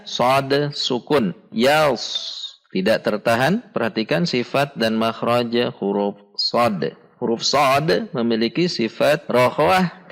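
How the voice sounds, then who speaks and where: Slow, patient male tajwid teacher. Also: medium pitch, creaky. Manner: slow, deliberate, spells out syllables and drawn-out recited words; patient, instructive, repeats corrections. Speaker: Quran recitation teacher. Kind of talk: step-by-step tajwid lesson.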